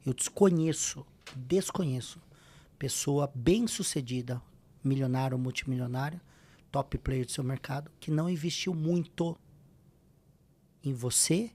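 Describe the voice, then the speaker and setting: A Brazilian man with a slight tongue-tie gives emphatic motivational advice as a podcast guest in a casual interview. His medium-pitched voice is dark and slightly rough, unhurried and marked by long pauses, and he often poses rhetorical questions.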